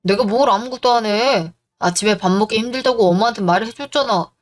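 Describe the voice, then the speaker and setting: A woman's voice: a little high, quick pace, lightly acted. Woman doing an irritated defensive husband.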